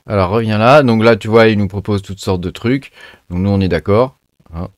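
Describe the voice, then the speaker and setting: A man's voice: lowish voice, moderate pace, dry recording, studio quality. A man hosting a casual screen-recorded tech tutorial, loose and chatty, with lots of fillers and slangy asides.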